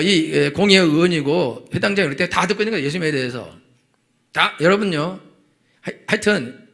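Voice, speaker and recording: A male senior pastor preaching a Sunday sermon, animated, acting out people's dialogue as he goes. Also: high-pitched. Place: church sanctuary.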